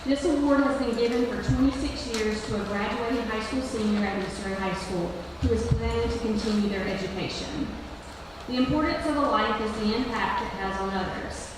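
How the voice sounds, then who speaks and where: A woman's voice: a little high, brisk. A woman presenting a scholarship at a school ceremony, reading prepared remarks as a podium speech. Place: large echoey room at a school ceremony. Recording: echoey hall, distant mic, clear background noise.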